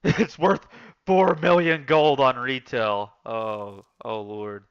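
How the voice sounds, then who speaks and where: A man's voice: mid-range voice, steady tone, slow pace, smooth, highs cut off. A man chatting casually on a gaming stream, telling rambling stories with many restarts and fillers.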